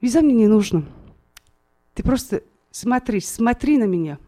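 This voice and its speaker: A woman voicing a lonely Russian man who builds a wall, speaking softly and pleadingly in a play reading. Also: on the high side, animated, measured pace. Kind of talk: author reading her play aloud.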